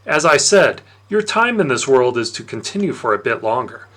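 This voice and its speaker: This man's mid-range, sing-song, slightly bright voice delivers a stern warning as he portrays a plump, merry wine-and-party god with an undercurrent of menace. He drags out words for emphasis in a theatrical, condescending, storybook way.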